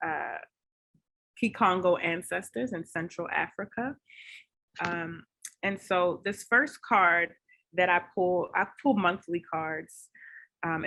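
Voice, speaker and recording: A woman who practices Reiki and ancestral healing, speaking heartfelt and teary at a workshop. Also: fairly low pitch. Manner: open, heartfelt, soft-spoken. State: teary, emotional. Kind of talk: workshop talk.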